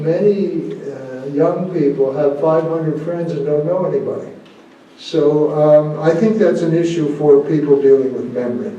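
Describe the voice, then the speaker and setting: A man giving the closing remarks of an academic talk, measured and thoughtful, pausing often with fillers. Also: fairly high pitch, dark tone, slight background noise. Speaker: conference speaker. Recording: dull, echoey hall from a distance.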